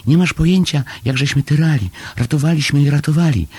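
A man's voice: mid-range voice, expressive, a little slow, gravelly, a little mellow, breathy edge, no echo, voice pushed up, heavily acted. A man voicing a small, eager young male hamster in an audiobook story, with earnest, pleading chatter. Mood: excited. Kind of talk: audiobook character voice.

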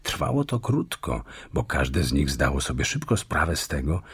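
A man narrating a children's fantasy audiobook in slow, measured storytelling. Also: very deep voice, big pitch swings, creaky, husky. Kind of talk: scripted narration.

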